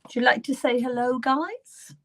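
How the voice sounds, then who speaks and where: Speaking at normal speed in a high-pitched voice that's still a bit croaky, a middle-aged psychic medium runs a live reading session. She addresses viewers gently by name, occasionally falling to a whisper.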